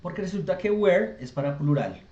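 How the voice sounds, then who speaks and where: A man's voice: sits high, lively intonation, moderate pace, mellow. A man teaching an online English class, explaining grammar step by step and checking often that students follow. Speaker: English tutor. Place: virtual classroom session. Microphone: video call. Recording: echoey lo-fi video call audio.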